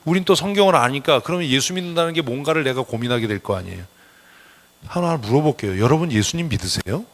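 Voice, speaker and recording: A man's voice: medium pitch, expressive, fast, fairly bright tone. Blunt scolding male pastor. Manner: blunt, scolding, calls for amen responses. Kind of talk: sermon. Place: church sanctuary.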